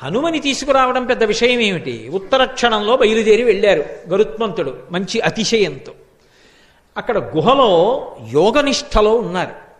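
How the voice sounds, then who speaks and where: A high-voiced man delivers a devotional story discourse, shifting into character voices for the quoted speech. His voice carries a long reverb, as from a large hall. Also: normal speed. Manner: animated storyteller, acts out characters' quoted lines. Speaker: religious discourse speaker.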